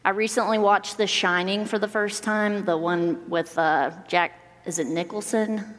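A woman's voice: mid-range voice, fairly even intonation, a little slow, a bit bright. A young woman preaching a casual, joking sermon as a church youth minister. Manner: playful, joking asides. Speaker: minister of students and young adults. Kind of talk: conversational sermon. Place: large church sanctuary. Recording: long hall reverb.

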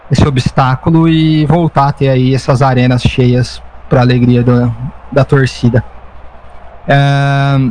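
A man's voice: fairly high pitch, a little mellow, slight background noise, poor audio. A man giving live football play-by-play in a conversational way, sometimes stumbling and correcting himself. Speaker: football commentator.

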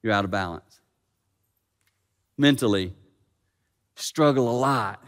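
A man preaching a sermon as pastor, swinging from loud dramatic peaks to hushed quiet. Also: lowish voice, slow. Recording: long reverb of a hall.

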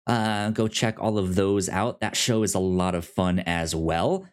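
A podcast host with a low, slightly slow voice chats informally, giving housekeeping announcements in a casual, conversational way.

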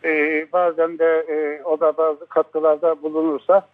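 Older guy calling in over a landline, fairly high voice for a man, tinny squeezed phone sound, slow halting talk with lots of pauses. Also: monotone. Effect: speaking over a landline phone. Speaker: guest, father of a jailed lawyer. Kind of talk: phone-in interview on radio. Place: at home, on the phone. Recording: tinny narrow phone line.

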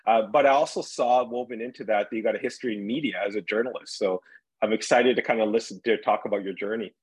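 A man hosting a business interview show, friendly and quick, often restarting his questions. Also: on the low side, darkish tone, slightly rough, rough recording. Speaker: podcast host. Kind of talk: casual interview.

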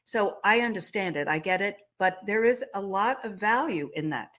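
A woman's voice: mid-range voice, animated, moderate pace, fairly bright tone. A woman in her seventies hosting an interview, talking in a chatty way with many fillers and restarts, and coughing now and then. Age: 70s. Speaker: host. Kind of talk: casual interview chat.

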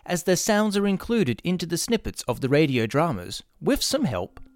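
With music in the background, a middle-aged podcast host and drama workshop creator reads promotional copy in an Australian accent. He sounds a little high and sing-song at a normal speed, and there's no echo.

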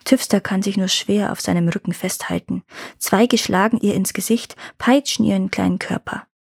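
Female fairy-tale reader; husky, measured, mid pitch, dry booth sound. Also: dry recording. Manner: calm, measured reading. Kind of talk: storybook narration.

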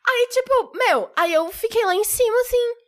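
A young woman telling a story in casual chat, animated and acting out the people she quotes. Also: very high-pitched, moderate pace, a little hiss or hum. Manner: animated, acts out quoted voices. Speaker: podcast guest.

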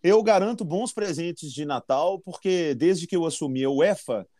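A man's voice: fairly high pitch, expressive, normal speed, warm tone, dry recording, clean studio sound. A Brazilian man giving opinions on football in a casual podcast chat.

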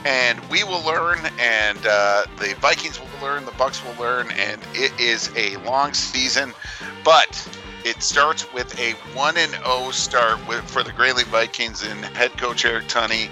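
A man announcing live local sports on the radio in a halting, ad-libbed way. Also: mid-range voice, music in the background, poor audio. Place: at a sports field.

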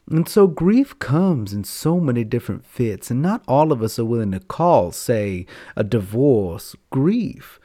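A man with a campy, theatrical auntie-like manner and drawn-out words, talking casually and unscripted to his podcast listeners. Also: medium pitch, dark tone, dry recording, studio quality. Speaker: podcast host and storyteller.

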